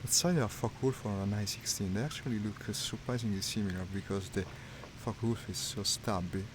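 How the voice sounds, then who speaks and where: A lowish, slightly fast male voice provides live, wry commentary while playing a flight simulator, talking half to himself. He's a gaming streamer, and the stream audio is noisy.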